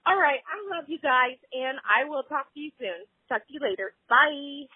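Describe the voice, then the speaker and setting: Woman caller, high and breathy, gushing voicemail heard over a tinny phone line. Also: animated, measured pace, no room sound. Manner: gushing, chatty. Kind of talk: casual voicemail message.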